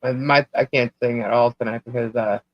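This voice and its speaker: A woman's voice: a bass voice, steady tone, a little fast, no room sound. A woman from Long Island hosting a live stream in casual chat, rambling and laughing, her voice cutting out over a bad internet connection. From Long Island, New York. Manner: chatty, rambling, laughs often. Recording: dull, dry, lo-fi stream audio.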